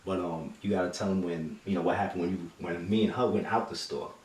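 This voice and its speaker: A man telling a story in casual chat, animated and acting out quotes with street slang, recorded from a distance in an echoey room. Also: low-pitched, quick pace, slight background noise. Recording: echoey room, mic far off.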